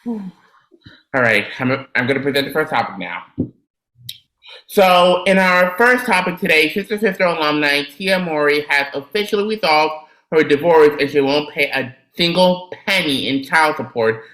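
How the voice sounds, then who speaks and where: A man's voice: fairly high pitch, expressive, normal speed, fairly bright tone, roomy sound, rough recording. A man co-hosting a podcast, reading a news story aloud with stumbles and corrections. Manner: reads with stumbles and self-corrections. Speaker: podcast co-host presenting topics.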